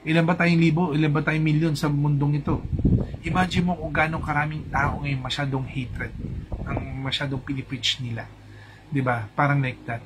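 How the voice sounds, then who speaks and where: Man, Filipino accent, chatty feng shui coach, slightly high voice, faint room noise. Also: steady tone, moderate pace. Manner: chatty, mixes in English, asks "di ba?" often. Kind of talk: casual live talk to an audience.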